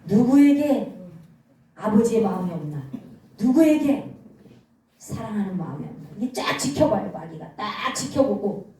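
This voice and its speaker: A woman pastor gives a lively sermon, and her pitch swings up and down as she quizzes the congregation and answers for them. Her voice sits fairly high. It sounds far from the mic and echoes around the church hall. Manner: call-and-response preaching, answering her own questions.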